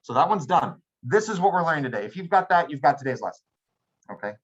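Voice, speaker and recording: A man's voice: on the high side, big pitch swings, fast, slightly rough, lo-fi sound. A man teaching a math class, explaining steps patiently and often asking if students follow. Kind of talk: classroom lecture.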